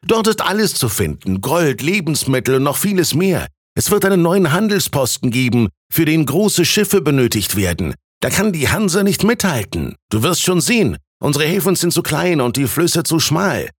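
A man voicing a sober, eager young male student explaining trade, pitched above his own voice. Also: very animated, moderate pace, few pauses, husky, dry recording, studio quality. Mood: lively.

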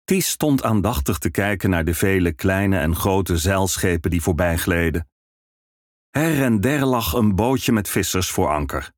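A man narrating a storybook in an expressive, lively way. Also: deep voice, dry recording, clean studio sound.

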